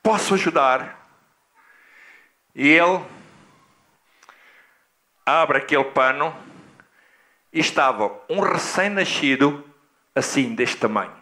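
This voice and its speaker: A man's voice: takes it slowly, pauses often, sharp tone. A man from Angola, a pastor telling a personal story in a sermon, emphatic and dramatic. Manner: emphatic, dramatic, with big swings in pitch.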